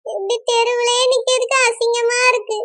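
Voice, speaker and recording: A very high, sharp, bright voice for a worried young bride in a village drama, voiced by a woman, speaking Kanyakumari-accented Tamil. She pleads and scolds in quick bursts. The tone stays anxious and reproachful. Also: flat delivery, no room sound, studio quality.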